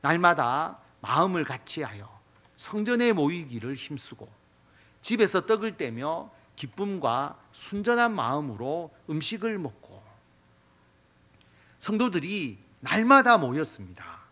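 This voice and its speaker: A male pastor preaching a sermon in a church, making emphatic appeals and letting his sentence ends trail off softly. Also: fairly high pitch, very animated, measured pace. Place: church sanctuary.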